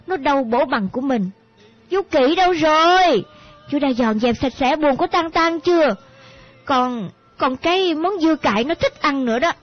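A woman voicing a frail, tearful old grandmother who dotes on her grandchild, speaking in a trembling, soothing way. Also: sits high. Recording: muffled audiobook with faint music.

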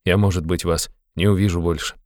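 A man's voice: low voice, fairly even intonation, fairly quick, no echo, studio quality, lightly acted. A man voicing a brooding young man who talks in a sullen, clipped, abrupt way. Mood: gloomy.

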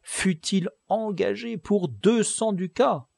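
A man's voice: sits high, takes it slowly, gravelly, a little mellow, husky, no echo, voice pushed up, full character voice. A man voicing a proud, sly male convict who answers in a glib, mock-polite way. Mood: boastful.

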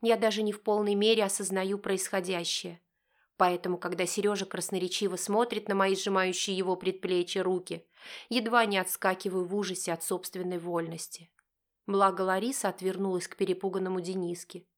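A woman narrating a first-person novel audiobook in a steady, even storytelling manner. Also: mid-range voice, brisk.

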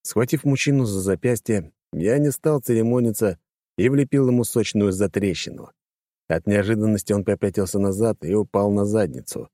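A man narrating a first-person audiobook, expressive and wry. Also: fairly low pitch, moderate pace, no room sound, studio quality.

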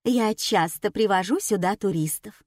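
A woman's voice: mid-range voice, moderate pace, darkish tone, no room sound, lightly acted. Brief: a woman voicing an anxious, orderly woman guide in an audiobook, dry close sound. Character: nervous adult female tour guide.

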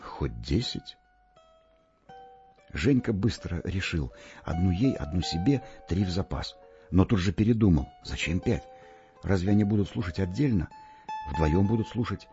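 A man narrating a short story aloud in an expressive, wry storytelling manner. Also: low-pitched. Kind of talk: audiobook reading of a short story. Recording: dull lo-fi recording with faint music.

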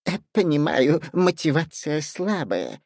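A man's voice: a little high, sing-song, measured pace, darkish tone, dry recording, clean studio sound, voice pushed up, exaggerated voice. A man voicing a timid, fawning leech-seller assistant in an audiobook, with a meek, hesitant manner. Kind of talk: audiobook character voice.

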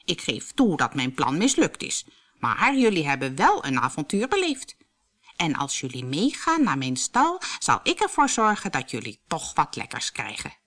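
An eager, boastful male pig from a storybook, loud and keen, voiced by a woman reader. The pitch jumps up and down lively as he schemes. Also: normal speed, heavily acted. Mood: sheepish.

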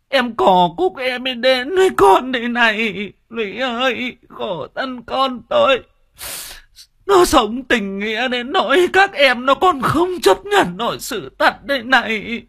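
A man voicing an older village aunt who laments loudly at a funeral. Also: extremely high pitch, gravelly, pitched above the performer's own voice, heavily acted. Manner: keening, sobbing lament.

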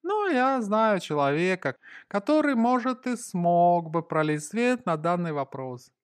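Man reading as gruff cuban housemate, grumbly, jumps up high when he exclaims. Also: sing-song, unhurried. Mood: thoughtful.

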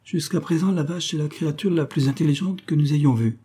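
A man's voice: a little high, fairly quick, warm tone, breathy edge, voice pushed up. A man voicing a skeptical male magistrate in a storybook reading, with dry, mocking remarks. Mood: wry.

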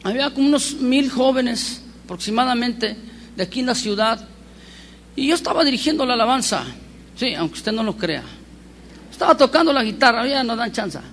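High-voiced, animated pastor preaching. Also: male voice, fairly quick, a little hiss or hum. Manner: animated storyteller with rhetorical questions. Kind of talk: sermon.

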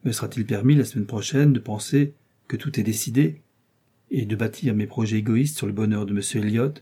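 Un homme qui prête sa voix à une femme vive et perspicace, taquine et câline, dans un livre audio. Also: male voice, on the low side, a little fast, mellow, husky. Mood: teasing, coaxing. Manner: arch, coaxing, playful. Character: lively shrewd middle-aged woman, teasing invalid friend.

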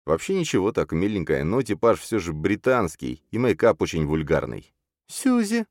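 A man narrates a first-person crime thriller in a deep, low voice. His delivery rises and falls widely, jumping up sharply for the hero's shouted lines. The recording is close and dry, with no room sound. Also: big pitch swings, normal speed, no room sound. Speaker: audiobook narrator.

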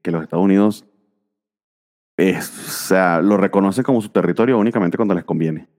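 A man talks through old comic issues on a casual podcast, circling back with fillers as he thinks. His voice sits very low. A long reverb trails behind every line. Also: brisk, darkish tone. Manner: rambling, many fillers like "este" and "eh". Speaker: podcast co-host.

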